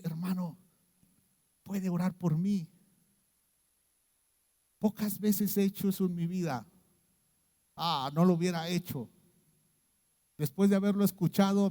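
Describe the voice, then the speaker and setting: A man with a Mexican Spanish accent preaching a sermon as a pastor, telling a story and dropping low and hushed when he mimics someone, often checking in with "¿sí?". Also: long reverb tail.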